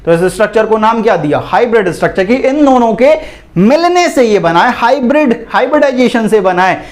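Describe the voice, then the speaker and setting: A man's voice: extremely high pitch, lively intonation, a little fast. A man teaching an exam-prep chemistry lecture, asking the class questions and answering them himself, calling students "bhai". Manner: repetitive, asks and answers own questions; calls listeners "bhai".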